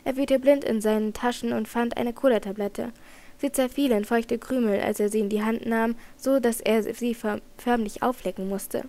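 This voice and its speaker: A woman reading a children's adventure novel aloud in even narration, with occasional slips she corrects. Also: on the high side, moderate pace. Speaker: audiobook reader.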